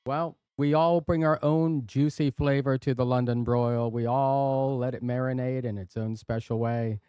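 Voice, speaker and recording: A male stream host chats at an unhurried pace in a warm, mellow voice, playful and jokey as he reads out viewer jokes. The sound is dry and close, with no room echo. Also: mid-range voice, fairly even intonation, clean tone, soft background music. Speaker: livestream host. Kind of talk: casual chat on a live stream. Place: workshop and studio.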